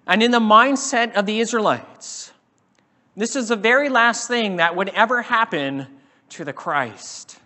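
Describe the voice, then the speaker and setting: A man's voice: high voice, animated, a little slow, bright, forceful tone. A man preaching a sermon with a dramatic delivery, acting out quoted speakers. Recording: echoing hall reverb.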